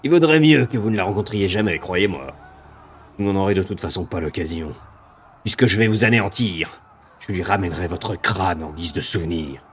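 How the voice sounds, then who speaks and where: A man voicing a ravenous demon from a video game, a haughty dark lord who taunts with drawn-out, mocking menace. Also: sits low, a little hiss or hum, close to an everyday voice. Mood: scornful. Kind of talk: dramatic video game villain read aloud.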